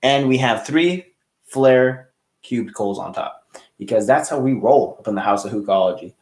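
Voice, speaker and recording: Man, livestream host, casual rambling chat, medium pitch, echoey room. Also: animated, normal speed, a little mellow, a little hiss or hum. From California. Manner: chatty, loose, greets viewers by name. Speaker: hookah review livestream host.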